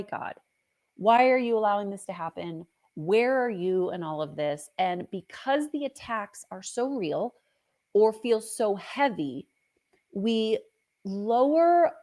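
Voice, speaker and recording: Brief: middle-aged woman, podcast host and minister, conversational faith teaching, lively and playful. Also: mid-range voice. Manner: chatty and animated, with playful acted asides.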